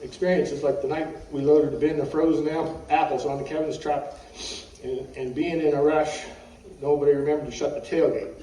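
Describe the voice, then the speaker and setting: At a funeral, a middle-aged or older eulogist reads from notes in a warm, fairly high voice with fairly even intonation and normal speed. His humorous anecdotes come across wry and folksy, punctuated by frequent throat-clearing. A distant mic records the echoey room along with faint background noise.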